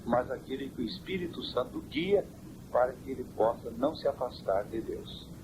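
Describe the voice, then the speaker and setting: Church elder on hissy worn tape. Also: male voice, medium pitch, expressive. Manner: measured, preaching doctrine. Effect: old worn cassette tape. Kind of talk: interview answers.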